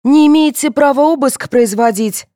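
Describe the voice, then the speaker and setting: A woman voicing an indignant, quarrelsome middle-aged mother in an audiobook, with shrill protests. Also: lively intonation, normal speed, a little mellow, dry recording, clean studio sound, close to an everyday voice. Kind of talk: audiobook character voice.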